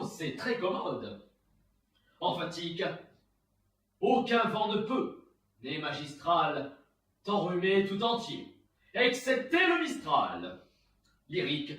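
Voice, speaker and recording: A man's voice: sits high, bright, forceful tone, full character voice. A man playing a proud, witty, mocking swashbuckling poet, delivering a theatrical verse monologue like a hammy stage actor. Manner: hammy, declamatory stage acting. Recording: roomy, echoing, far from the mic.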